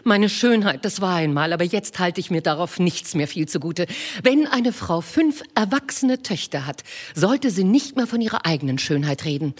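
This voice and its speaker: A woman reading aloud and voicing a fussy, excitable middle-aged mother of five daughters, talking in an eager, insistent way. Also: fairly low pitch, moderate pace. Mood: pleading. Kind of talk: audiobook reading.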